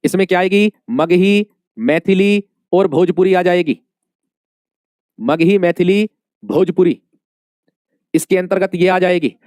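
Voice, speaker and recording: A man's voice: high-pitched, unhurried, pauses often, darkish tone, no room sound, studio quality. A male Hindi teacher giving an exam-prep lesson, calling his students dear friends, asking questions and repeating the answers many times.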